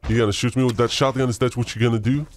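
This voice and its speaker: Young male gamer, voice changer dropping his pitch, trash-talking opponents mid-match. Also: steady tone, very fast, a little hiss or hum. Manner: taunting, trash-talking other players. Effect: voice changer lowering the pitch. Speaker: gamer playing as the killer. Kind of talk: live gameplay commentary.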